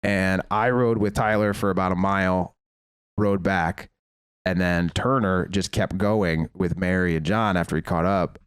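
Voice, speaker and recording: A man's voice: deep voice, measured pace, clean tone, no echo, clean studio sound. A man co-hosting a podcast, swearing freely as he tells anecdotes in casual chat. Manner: animated retelling, swears freely. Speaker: podcast co-host.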